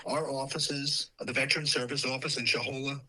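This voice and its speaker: A male county commissioner on a radio interview, his voice hoarse and squeaky from a weekend of cheering. He talks earnestly, circling back with fillers and restarts. The tone is sharp and bright. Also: level tone, a little fast, rough recording.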